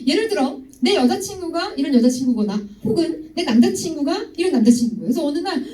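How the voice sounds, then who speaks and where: A woman's voice: high-pitched, fast. A young woman giving a youth sermon in a church hall, telling stories and teasing students with questions. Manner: lively, teasing, asks students directly. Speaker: youth ministry speaker. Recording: echoey hall, voice from far off.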